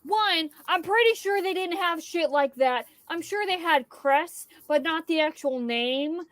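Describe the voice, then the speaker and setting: A woman's voice: extremely high pitch, measured pace, fairly bright tone, no echo. A woman hosting a book channel, reacting to a movie adaptation with exasperated, swearing commentary, a bit tipsy from whiskey, over a video call.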